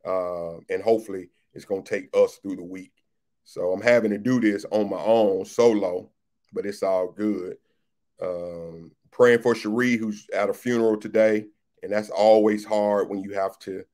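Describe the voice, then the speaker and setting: A man's voice: lowish voice, fairly even intonation, a little slow, dark tone. A man who is a pastor, hosting a casual livestream chat, reading out viewer comments and greeting people by name, often repeating his phrases.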